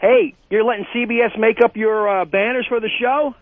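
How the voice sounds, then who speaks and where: A man's voice: high-pitched, steady tone, brisk, dry recording. A man calling a talk radio show, persistently pushing his ideas over the host. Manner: persistent, talks past the host. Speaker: caller. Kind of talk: phone call to radio show. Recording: tinny phone line.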